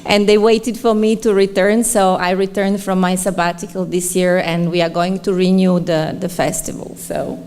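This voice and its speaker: A woman's voice: fairly low pitch, little pitch movement, moderate pace, hardly any pauses, darkish tone, clear, resonant tone. A woman from Croatia, a festival director giving a chatty, friendly conference presentation with light laughter. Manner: chatty and friendly, laughs often, repeats words for emphasis.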